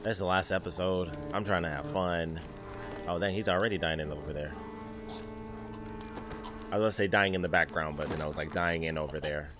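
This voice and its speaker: Streamer, man, low voice, casual gameplay commentary over game music. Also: steady tone, fairly quick, pauses often. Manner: chatty, exasperated asides. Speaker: gaming streamer. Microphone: desk mic, streaming setup.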